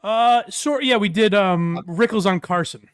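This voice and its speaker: A man guesting on a comedy podcast, sarcastic and quick to laugh in casual banter. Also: sits high, a crowd in the background.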